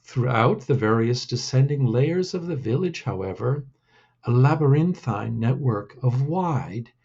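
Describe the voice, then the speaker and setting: A man reading his own storybook aloud in a deliberate, measured way. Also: mid-range voice, a little mellow, husky, lo-fi sound.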